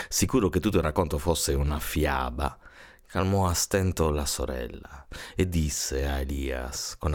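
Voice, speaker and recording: A man reads a dramatic literary story in a grave, unhurried voice that often sinks to a whisper. His tone is exceptionally deep and gravelly, slow and husky. Faint music plays softly underneath. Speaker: audiobook reader.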